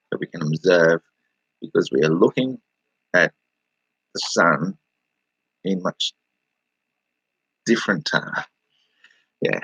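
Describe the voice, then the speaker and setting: Aussie bloke rambling on a stream, husky, dry close sound. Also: male voice, sits low, pushed and bright, no echo, muffled recording. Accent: Australian. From Australia. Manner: rambling, laughing, talking back to chat. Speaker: livestreamer answering chat. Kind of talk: casual livestream chat.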